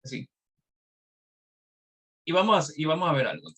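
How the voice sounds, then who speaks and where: A man's voice: fairly high pitch, big pitch swings, a little slow, sharp tone, breathy edge. A male instructor teaching a live online class, explaining patiently step by step with examples.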